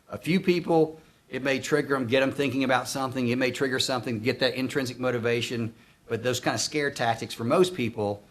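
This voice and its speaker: Arkansas-accented man teaching in a roomy space. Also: mid-range voice. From Arkansas, United States. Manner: conversational, asks and echoes back answers. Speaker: instructor presenting at a conference. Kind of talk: interactive workshop lecture with questions to the audience. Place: conference room, behind faint room noise. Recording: roomy, distant mic, faint noise.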